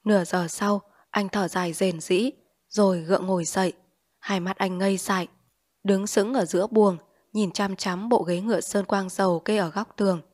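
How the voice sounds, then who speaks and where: A woman reading a short story aloud as audiobook narrator, with steady, expressive storytelling. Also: medium pitch, normal speed.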